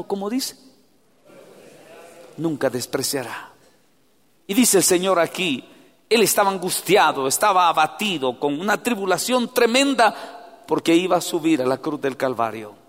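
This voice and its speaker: A man preaching a sermon who moves from hushed, near-whispered asides to loud, fervent exhortation and calls his listeners brother. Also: fairly high pitch. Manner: addresses listeners directly as brother. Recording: long hall reverb.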